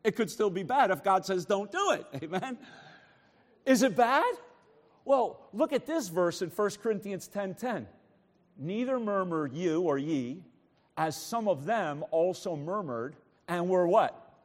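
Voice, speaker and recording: A man's voice: sits high, lively intonation, measured pace, long reverb tail. A man preaching a sermon as pastor, acting out grumbling voices and switching between muttering and raised preaching.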